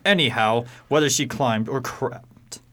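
A man's voice: mid-range voice, measured pace, a bit bright, close to an everyday voice. A man playing a grumbling, blunt old cab horse with a gloomy, dramatic manner in a radio play. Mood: stubborn, dry.

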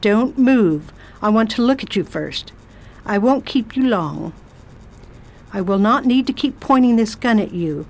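In an amateur radio drama, a woman plays a formidable spinster travel writer who bosses and talks down to everyone. Her fairly high, animated voice has a darkish tone, and she sounds stern, crisp, condescending and brisk.

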